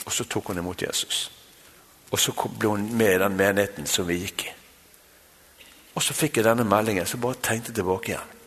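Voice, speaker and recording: A man's voice: lowish voice, long pauses, a bit bright. A man with a Bergen Norwegian accent, a conference speaker giving a sermon built on a personal testimony. He tells his story directly to the audience, with frequent asides. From Bergen, Norway. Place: large meeting hall. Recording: long hall reverb.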